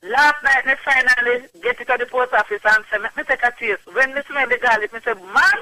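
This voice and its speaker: A woman with a Jamaican accent calling a radio show, telling her story in an excited way and repeating phrases for emphasis. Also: a little high, brisk, low-quality recording. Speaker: radio phone-in caller. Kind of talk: animated storytelling testimonial.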